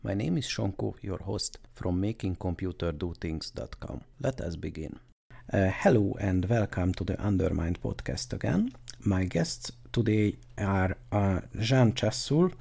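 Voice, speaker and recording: A man's voice: low-pitched, animated, a little slow, creaky, dark tone. A man hosting a podcast interview, speaking with a hesitant manner and many fillers. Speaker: podcast host.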